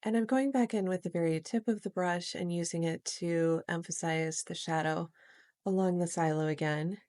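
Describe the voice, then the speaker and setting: A woman narrating her watercolor painting step by step in a gentle, explanatory way, as host of a real-time art tutorial. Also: fairly low pitch, normal speed, no echo.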